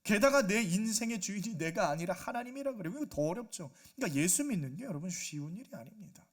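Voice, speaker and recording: High-pitched guy pastor preaching in church, lively, acts out voices, keeps asking the crowd stuff. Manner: animated, acts out quoted voices, asks the congregation questions. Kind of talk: sermon. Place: church sanctuary.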